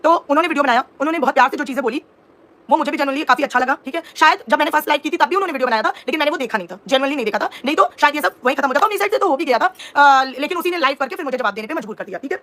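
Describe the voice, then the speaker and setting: A woman's voice: high-pitched, lively intonation, very fast, a bit bright. A woman in her thirties livestreaming as a reaction vlogger, indignantly explaining herself and answering viewers' comments. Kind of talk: live-stream talk to viewers.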